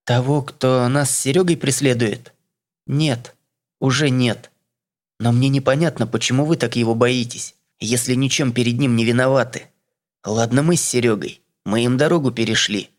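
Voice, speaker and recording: A man's voice: mid-range voice, moderate pace, lightly acted. A man voicing a blunt, determined young woman who presses with direct questions. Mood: insistent.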